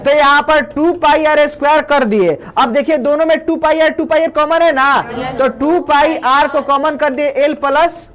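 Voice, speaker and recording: A physics teacher in a classroom, dictating definitions slowly and repeating phrases, quizzing the class and calling students friend. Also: high voice, steady tone, fairly bright tone, some chatter behind. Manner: asks the class questions and calls them friend.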